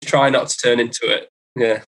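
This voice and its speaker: Man, husky voice, dry sarcastic remarks, tabletop game player. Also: mid-range voice, fairly even intonation, moderate pace, fairly bright tone. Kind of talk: casual banter at a game table.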